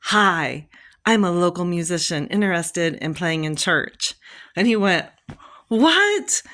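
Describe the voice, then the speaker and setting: Woman sharing a faith story at a slow, easy pace; acts out the people in it. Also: fairly low pitch, a bit bright. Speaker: speaker sharing a personal testimony. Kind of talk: casual spoken testimony.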